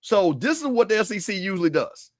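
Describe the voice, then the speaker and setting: Brash, high-voiced sports show host man. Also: fast talker. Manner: brash, scolding, lively. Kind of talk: casual sports talk show.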